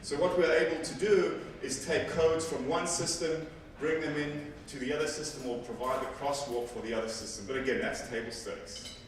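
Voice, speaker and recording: His voice a little high and steady in tone, a man presents at a technical conference at a moderate pace with few pauses, talking conversationally and repeating words as he corrects himself. Afrikaans is his first language. The handheld-mic talk is filmed from far back in a large, echoey hall with a seated audience, with slight hiss or hum.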